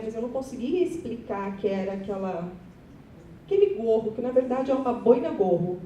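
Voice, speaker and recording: A woman teacher with a Brazilian Portuguese accent presents her class project to fellow teachers, chatty and nervous, often turning to the audience. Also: dark tone. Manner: nervous, chatty, self-deprecating, addresses audience. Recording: echoey hall, voice from far off, faint rumble.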